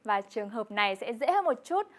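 A young woman co-hosting a scripted television language lesson, explaining patiently and repeating each example word clearly. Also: fairly high pitch, sing-song, brisk. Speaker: Korean language teacher co-host.

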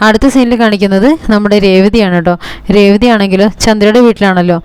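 A woman vlogger who retells the events of a TV serial in a brisk, conversational way. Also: mid-range voice, steady tone, darkish tone, clean tone, no room sound. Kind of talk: casual storytelling recap.

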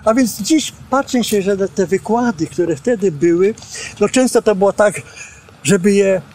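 This older former student turned preacher speaks unhurriedly in a high voice, recalling his teachers during an interview on a campus lawn. He tells the stories animatedly, gesturing and voicing the quotes himself. Faint outdoor ambience surrounds the boom-mic recording.

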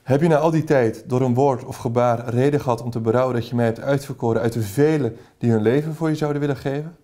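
A man's voice: medium pitch, quick pace, warm tone, lightly acted. A man reading as an ardent young lover. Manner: earnest reading of a passionate speech.

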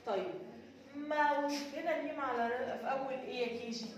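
A woman's voice: sits high, a little fast, a little hiss or hum. An Egyptian woman teaching a kindergarten lesson in a sing-song voice, asking questions and answering them herself. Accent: Egyptian Arabic. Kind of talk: recorded children's lesson. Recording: echoey room, voice from a distance.

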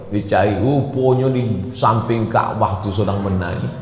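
A man's voice: lowish voice, unhurried, dull audio. A man giving a folksy, humorous dawn sermon, full of stories. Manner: folksy, humorous, acts out quoted people in a raised voice. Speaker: preacher. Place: mosque hall. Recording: echoey hall with faint noise.

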